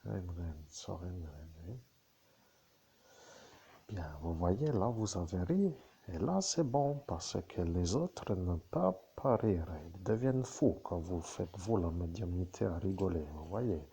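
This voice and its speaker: Slow, gravelly-voiced man giving a spiritual talk. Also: low-pitched, expressive, mellow, slight background noise. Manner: slow, halting, repetitive phrasing. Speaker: medium. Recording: dull lo-fi recording.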